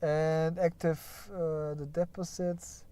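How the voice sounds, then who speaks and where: Slow and warm, a slightly high male voice with little pitch variation and no room sound belongs to a stock market streamer reviewing earnings on a shared screen. He's chatty and playful, thinking aloud, dropping frequent "yeah?" and joking that the results could make him cry.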